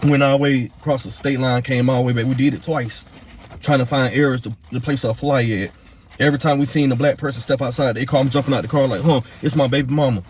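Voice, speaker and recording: A man's voice: mid-range voice, steady tone, slight background noise. A man retells, in a casual and heated way, how he searched for his missing daughter's mother, repeating himself often. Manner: fast, heated retelling full of fillers and repeats. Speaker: father of a missing woman's child. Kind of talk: casual storytelling.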